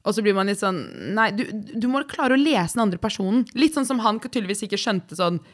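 A young woman co-hosting a casual podcast, rambling through stories and cutting herself off with digressions. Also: mid-range voice. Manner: rambling, self-interrupting storyteller. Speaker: podcast co-host. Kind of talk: casual chat.

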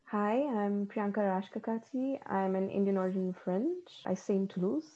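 A woman introducing herself slowly and deliberately as a panel guest. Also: medium pitch, dark tone, highs cut off. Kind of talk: self-introduction.

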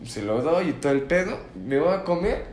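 A young Mexican man with a Mexican accent chats casually, tossing slang into nearly every phrase and saying "güey" constantly. His voice is on the high side, sing-song, slightly mellow, at normal speed, recorded in an echoey room with faint ambient noise.

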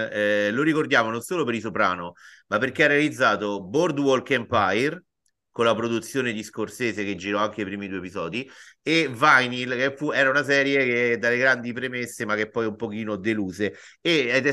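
A man with an Italian accent co-hosting a podcast, adding brisk, informative asides with fillers in a casual chat. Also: medium pitch, pushed and bright. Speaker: podcast co-host.

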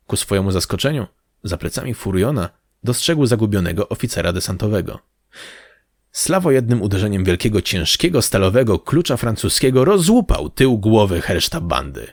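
Male audiobook narrator, lowish voice, steady and even, dry close recording. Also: moderate pace, no room sound.

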